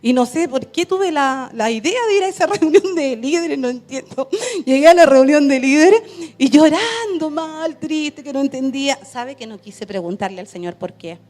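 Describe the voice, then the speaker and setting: A woman missionary, telling her story to a church in a lively way, with laughs and acted quotes. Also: sits high, normal speed. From Chile. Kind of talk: testimony in a church service.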